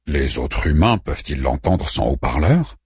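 A man voicing a huge male robot in an audiobook, asking low, calm questions. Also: moderate pace, slightly rough, no room sound, exaggerated voice. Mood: curious.

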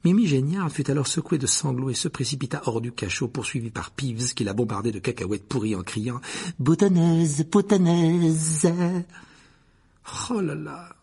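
A man reading a novel aloud as narrator, with an expressive, varied delivery. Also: mid-range voice, fairly quick, vocal fry, hardly any pauses, husky. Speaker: audiobook narrator. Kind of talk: storybook reading with character voices.

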